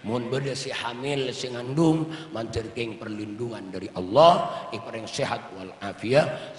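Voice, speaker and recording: A male preacher giving a sermon, swinging from loud cries to soft low asides and often calling out to the listeners. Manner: often addresses audience as Pak. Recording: echoey hall with long reverb.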